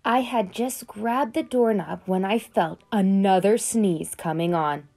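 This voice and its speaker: A woman voicing a sly, smooth-talking male wolf who tells his side of the story in a chatty, conspiratorial way, read aloud from a children's picture book. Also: medium pitch, measured pace, a little mellow.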